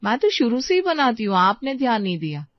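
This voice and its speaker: A woman's voice: fairly high pitch, big pitch swings, a little fast, no echo. A woman voicing a sweet but distracted young wife in a cartoon, chatty and pleading. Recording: dry, slightly dull lo-fi sound.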